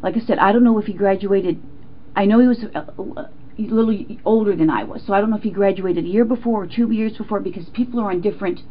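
A middle-aged American woman being questioned as a suspect, answering in a jittery, defensive, halting way with stammers and repetitions. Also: medium pitch. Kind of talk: informal police interrogation interview. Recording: muffled, noisy interrogation room recording.

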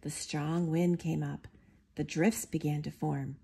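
A woman reading a picture book aloud, giving the characters lively, expressive voices. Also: sits low, measured pace, creaky, a little hiss or hum. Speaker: storybook reader.

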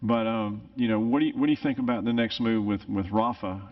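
A man's voice: fairly low pitch, brisk. A man in his sixties asking questions casually as an interviewer. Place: large church sanctuary, indoors. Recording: distant, slightly muffled sound.

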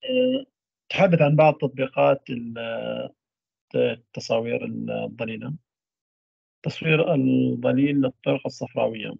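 A man giving a university radiology lecture, trailing off mid-phrase into drawn-out fillers. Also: mid-range voice, animated, creaky, breathy edge, no room sound. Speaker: medical lecturer. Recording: dull lo-fi dry recording.

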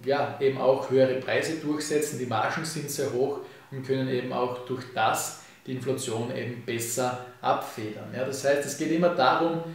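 A finance YouTuber with a mid-range voice gives a casual explainer to camera from a home office lined with bookshelves, talking at a moderate pace with hardly any pauses. He's relaxed, gestures with his hands, and uses frequent fillers and "eben." The room is echoey and the mic is distant.

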